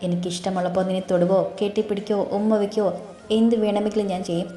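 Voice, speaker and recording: Woman voicing a gruff, bossy young husband. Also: mid-range voice, fairly even intonation, fast, lightly acted. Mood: possessive. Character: young husband, brusque and teasing. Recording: echoey room with soft music.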